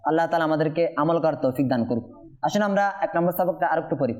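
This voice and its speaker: A man's voice: fairly high pitch, very fast, darkish tone. A man with a Bangladeshi Bengali accent teaching Quran recitation in class, patiently repeating questions to his students.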